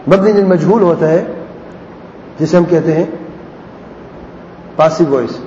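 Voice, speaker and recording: A man teaching Arabic grammar in a classroom lesson. He repeats word patterns patiently and asks questions that he then answers himself. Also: dark tone. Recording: echoey hall, dull lo-fi sound, faint rumble.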